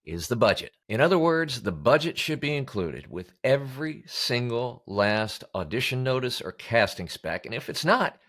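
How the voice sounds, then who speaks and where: Very animated and slightly bright, this man speaks at medium pitch and a moderate pace with hardly any pauses. He's a voice-over coach hosting an advice show, giving blunt, emphatic, colloquial scripted guidance straight to camera.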